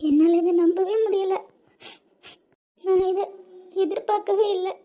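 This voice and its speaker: A performer voicing an emotional, tearful young wife in a cartoon, with a southern Tamil Nadu accent, speaking in breathy, halting repeats. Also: extremely high pitch, fairly even intonation, narrow, tinny audio. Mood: nervous, amazed. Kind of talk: cartoon voice acting.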